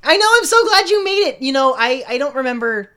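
A woman's voice: sits high, very animated, brisk, sharp tone. Casual millennial woman podcaster, enthusiastic. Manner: casual millennial speech, peppered with "like". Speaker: podcast co-host. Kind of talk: casual film-fan podcast chat.

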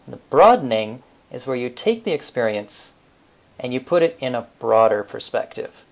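A man on a podcast explaining a mind technique step by step, relaxed, with frequent fillers. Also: mid-range voice, normal speed, gravelly. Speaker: podcast co-host. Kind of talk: casual teaching talk.

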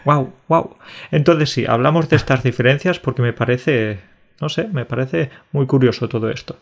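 A man from co-hosting a casual podcast for language learners, joking and talking slowly and carefully. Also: medium pitch, creaky. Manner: joking, slow and carefully articulated. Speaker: podcast co-host.

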